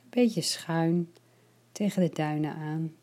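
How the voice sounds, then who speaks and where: A woman leading a guided relaxation meditation, speaking slowly and softly, at times in a whisper. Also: deep voice. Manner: slow, soft and soothing, partly whispered.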